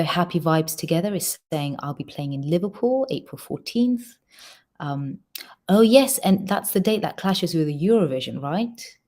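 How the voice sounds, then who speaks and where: This low-voiced woman, a singer from Georgia whose native tongue is Georgian, reads out fan questions on a casual livestream. Her tone is a little mellow, and her speech is fast, chatty, and full of ums.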